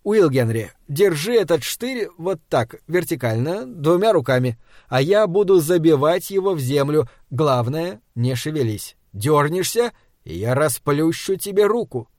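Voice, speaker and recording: A man reading an audiobook, voicing a brusque, sardonic grown male monster hunter who gives gruff, mocking orders. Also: on the high side, big pitch swings, a little slow, darkish tone, no echo, clean studio sound.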